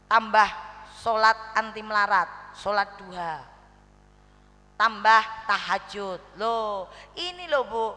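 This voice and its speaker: A woman's voice: on the high side, sharp tone. A woman with a Javanese accent, preaching to a women's gathering in a humorous, chatty way and slipping into Javanese. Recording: long hall reverb.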